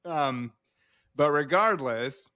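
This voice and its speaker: A man co-hosting a casual podcast, rambling with lots of fillers and animated asides. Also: on the high side, takes it slowly. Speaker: podcast co-host, physician.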